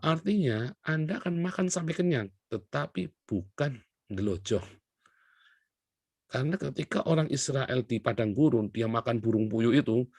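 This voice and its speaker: Gravelly, husky male preacher. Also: medium pitch, dry recording, clean studio sound. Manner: lively preaching, voices short exchanges with God; blunt, folksy humor. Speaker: pastor. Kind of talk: sermon.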